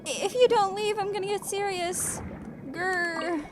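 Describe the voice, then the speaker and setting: A theatrical, menacing video game villain, acted out by a woman. The voice is pitched high and melodramatic, over faint background music. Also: steady tone, unhurried.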